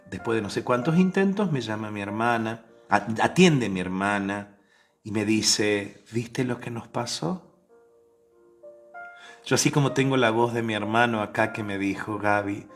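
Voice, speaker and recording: Soft-spoken Argentine man preaching. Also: lowish voice. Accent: Rioplatense Spanish. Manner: conversational, many restarts and questions to the listeners; acts out the voices in his story. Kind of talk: sermon with personal story.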